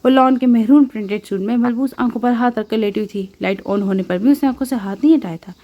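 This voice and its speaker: A woman narrating a romance novel in a calm, even storytelling manner. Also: fairly high pitch, dull audio. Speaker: audiobook narrator.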